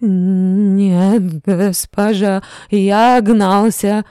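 A woman's voice: on the low side, fairly even intonation, normal speed, mellow, no echo, studio quality, close to an everyday voice. A woman voicing a drunk, brutish man who leers and then stammers and begs in terror in an audiobook. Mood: terrified. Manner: stammering, pleading.

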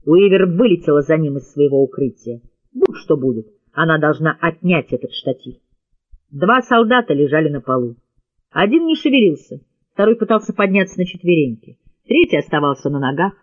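A man's voice: fairly high pitch, highs cut off. A man narrating an audiobook in a tense, dramatic reading style. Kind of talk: scripted narration.

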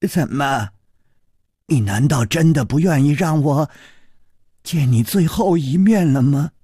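A man's voice: fairly high pitch, lively intonation, a little slow, warm tone, husky, dry recording, studio quality. A male storyteller voicing a clever, wry male hero who speaks in a light, bantering way.

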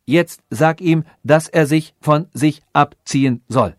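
A man's voice: on the high side, slow pace, darkish tone, dry recording, clean studio sound. A man voicing a vain, cunning female calculating machine from a storybook, lecturing in a lofty, scheming manner. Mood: instructing.

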